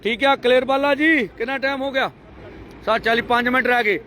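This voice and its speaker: A man giving energetic live commentary outdoors by a highway among tractors, urging viewers again and again to share, on a handheld phone. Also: a little fast, a faint crowd. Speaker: live-stream reporter at a farmers' convoy.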